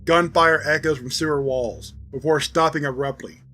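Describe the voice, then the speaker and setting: A man narrating classified archive logs in a flat, reading manner. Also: on the high side, normal speed, slight background noise.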